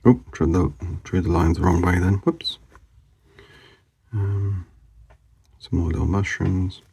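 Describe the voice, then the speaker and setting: A man's voice: low voice, little pitch movement, measured pace, creaky, dark tone, breathy edge. A man hosting a drawing channel, mumbling casual commentary to himself as he sketches, rambling with lots of fillers.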